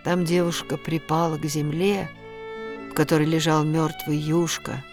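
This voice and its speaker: Woman narrating a storybook, measured. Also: deep voice, flat delivery, over music. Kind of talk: audiobook narration.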